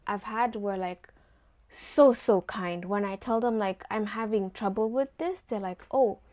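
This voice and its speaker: Speaking at a measured pace in a mid-range, slightly mellow voice, this young adult woman is a Kenyan engineering student appearing as a guest in casual conversation. She sprinkles in "like" and "you know" often, and English is among her first languages rather than her sole native tongue.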